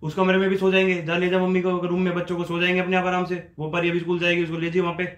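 Brief: quick, high-pitched man, stubborn bickering in an echoey bedroom. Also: monotone, a bit bright, dull audio. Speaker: vlogger pranking his wife. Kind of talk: staged prank banter. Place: bedroom at home.

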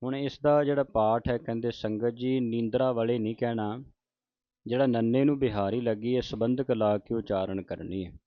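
A Punjabi-accented man teaching the correct pronunciation of scripture, reciting verses slowly and then correcting common mistakes. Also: mid-range voice, steady tone, no room sound, dull audio. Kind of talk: slow recitation with pronunciation instruction.

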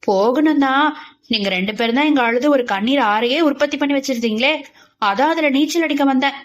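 Woman voicing a teenage girl, bossy, playful, high and bright, quick mock scolding, storybook. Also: close to an everyday voice.

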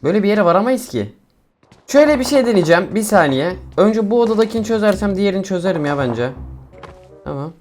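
A young man casually commentating his own mobile shooter gameplay, chatty and excitable, talking to viewers and teammates. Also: high voice, quick pace, faint music behind. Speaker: gaming streamer.

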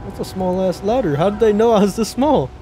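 A young man reacting to a video game with drawn-out remarks and yelps at scares. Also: high voice, animated, mellow, a little hiss or hum. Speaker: co-host playing a video game. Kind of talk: casual let's-play commentary.

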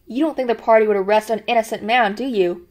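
A woman's voice: a little high, quick pace, darkish tone, lightly acted. Woman voicing a blubbering, servile frightened man. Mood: pleading. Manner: pleading, anxious, blubbering. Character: frightened pudgy middle-aged man, servile and eager.

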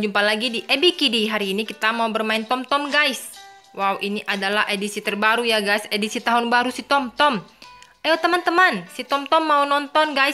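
Woman host, high bright voice, chatty kids' game commentary to viewers. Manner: chatty, keeps addressing viewers. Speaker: gaming channel host.

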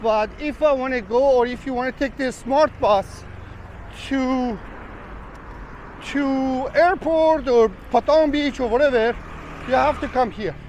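Walking along a rainy street with traffic behind him, a travel vlogger chats casually with viewers, calling them guys as he rambles on. His voice is extremely high in pitch yet darkish in tone, delivered at a measured pace.

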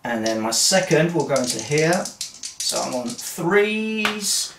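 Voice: medium pitch, sing-song, slow pace, gravelly, background noise. A player talking through a solo tabletop wargame, muttering dice sums, humming and chatting to themselves. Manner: mutters dice sums, hums and talks to self. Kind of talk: casual play-by-play of dice rolls. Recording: roomy sound from a distant mic.

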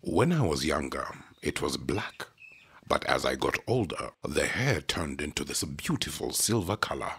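Proud, gentle gorilla patriarch for kids' educational show; extremely low, raspy voice. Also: male voice, very animated, moderate pace, full character voice. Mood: proud, explaining. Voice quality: very deep, gravelly, husky. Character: proud gentle male silverback mountain gorilla, head of his troop. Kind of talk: scripted children's educational show.

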